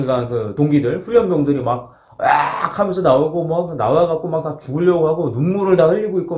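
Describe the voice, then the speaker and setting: A man casually telling a first-person story as a former marine, acting out moments with polite formal sentence endings. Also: fairly high pitch. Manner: animated, acts out shouts, polite formal endings. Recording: roomy, echoing sound.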